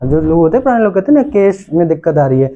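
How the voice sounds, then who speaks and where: High-voiced man teaching Sanskrit vocabulary. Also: sing-song, rapid-fire, phone-quality sound. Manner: repeats words, asks and answers own questions. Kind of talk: classroom lecture. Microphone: recorded lesson video.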